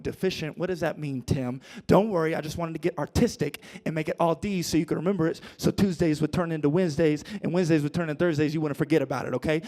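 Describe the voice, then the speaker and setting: A young man preaching a lively sermon as pastor, acting out Bible figures in modern slang. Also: fairly high pitch, vocal fry.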